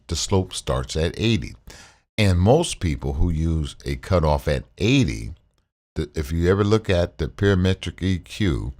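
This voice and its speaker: Speaking into a close condenser studio microphone, a man with a very low, deep baritone voice delivers an easygoing gear review. The screen-share tutorial is casual, and his relaxed manner is repetitive and full of fillers.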